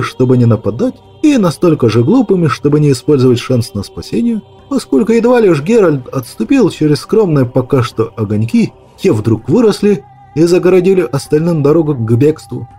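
A man narrating an audiobook with dramatic, lively storytelling. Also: fairly high pitch, breathy edge. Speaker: audiobook reader.

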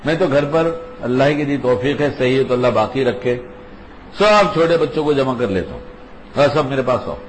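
A man's voice: mid-range voice, animated, slight background noise, rough recording. An older man, a grandfather, giving an informal religious talk in an emphatic, conversational way and repeating his key points. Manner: repetitive, emphatic, conversational teaching. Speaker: religious speaker.

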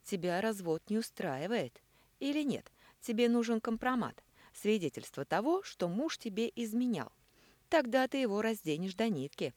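A woman's voice: medium pitch, sing-song, dry recording, pitched above the performer's own voice, close to an everyday voice. A woman voicing a brash, boozy middle-aged man who sneers and flares into anger, reading an audiobook. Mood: angry. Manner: sneering, loud, quick to anger.

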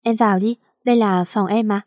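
A woman voicing a remorseful, tender young man in a romance audiobook, speaking softly and apologetically. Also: mid-range voice, fairly even intonation, fairly quick, dry recording, studio quality, close to an everyday voice. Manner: soft, apologetic.

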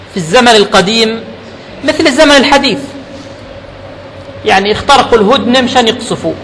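A man's voice: high voice, a bit bright. A man giving an emphatic Friday sermon in a mosque, mixing formal oratory with colloquial asides. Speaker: preacher. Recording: reverberant mosque hall, faint noise.

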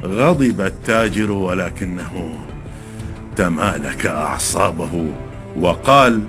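A man narrating a folk tale in a calm, measured storytelling voice. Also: low voice. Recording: background music.

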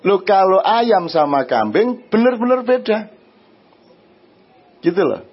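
A man with an East Javanese accent speaking to an audience. He answers their questions in a lively, conversational way and often asks them "right?". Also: high voice, takes it slowly, breathy edge, dull audio. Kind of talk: religious and social talk before an audience.

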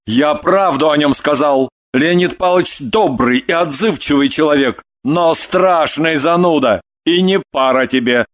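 Man playing a young male killer, bitter, confessional, audiobook dialogue, higher-pitched. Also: measured pace, a bit bright. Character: troubled 27-year-old male killer, confessing.

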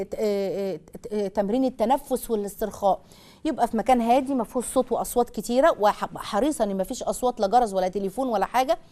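A woman with an Egyptian Arabic accent hosting a call-in show, giving earnest, step-by-step advice straight to the listener. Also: a little high. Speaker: call-in show host and counselor.

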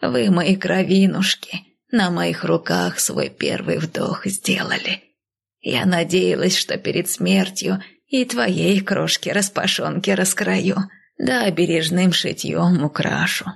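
A woman reading an audiobook, voicing an elderly nanny who talks slowly in hushed, half-whispered sighs. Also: lowish voice, big pitch swings, gravelly, breathy edge, heavily acted. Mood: tender. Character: elderly nanny, frail, weary and tender. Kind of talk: audiobook character voice.

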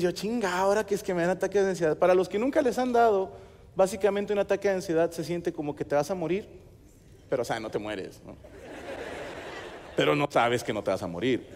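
Mexican guy doing standup, crude slang, fast acted-out asides, high voice, faint room noise. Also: expressive, darkish tone, big-room sound. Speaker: stand-up comedian. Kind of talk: stand-up comedy set. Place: large theater stage, live audience.

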